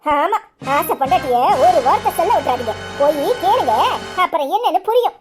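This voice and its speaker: A quarrelsome young village wife, played by a woman, in a cartoon, scolding and sarcastic with a Kanyakumari Tamil accent. Her voice sits high and leaps up and down as she nags. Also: sing-song, fairly quick, over music. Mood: angry. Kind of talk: cartoon voice acting.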